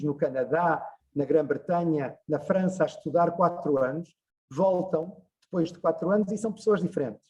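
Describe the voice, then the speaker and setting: A man's voice: fairly high pitch, a little mellow. A man, giving an online lecture as a journalist, talking discursively with frequent hesitations over a video call. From Portugal.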